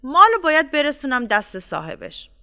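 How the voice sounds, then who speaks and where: A tiny, eager chickpea boy voiced by a woman in a storybook tale. His voice is high and bright, rising and falling in lively leaps. He talks in an insistent, stubborn way. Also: full character voice.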